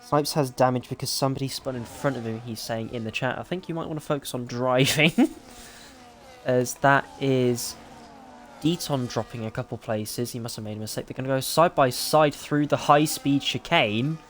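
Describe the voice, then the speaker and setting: A man with a mid-range voice is the lead commentator of a live sim racing broadcast, calling the action with excitable, rapid play-by-play. There's slight background noise.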